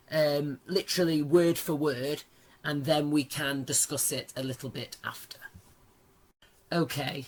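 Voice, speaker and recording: A man with a hoarse, worn-out voice and a smoker's rasp, giving chatty, informal commentary on fantasy lore as a video host. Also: a little high. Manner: chatty, informal, playful asides.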